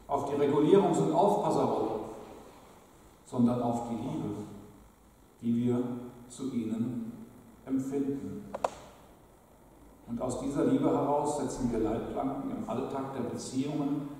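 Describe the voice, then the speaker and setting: A man giving a sermon as a lay preacher, measured and emphatic, with pauses for weight. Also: mid-range voice, dark tone, far from the mic. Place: church. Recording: echoey church recorded from afar.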